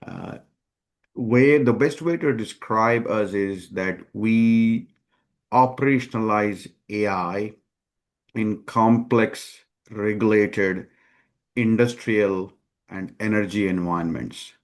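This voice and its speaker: Male founder guest, lower voice, measured, frequent ums, interview talk. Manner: measured, many ums and uhs. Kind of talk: conversational interview.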